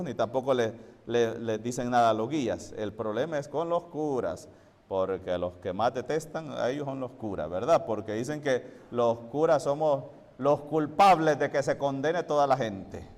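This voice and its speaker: Sacerdote predicando en sala con eco. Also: male voice, mid-range voice, lively intonation, moderate pace, long reverb tail. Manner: explanatory, asks the congregation rhetorical questions. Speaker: priest. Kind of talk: sermon.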